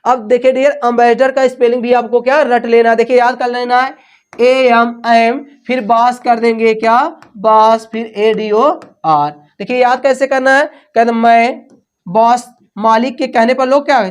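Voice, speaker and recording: A woman's voice: a little high, fairly even intonation, a little slow, clear, resonant tone. A woman teaching English vocabulary for exam prep, with repetitive call-and-response questions, switching between Hindi and English.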